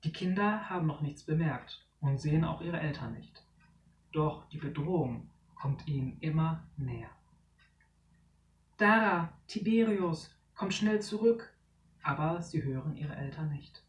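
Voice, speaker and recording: A storyteller reading a short story aloud in a measured way. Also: mid-range voice, a little mellow. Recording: echoey room, distant mic, faint noise.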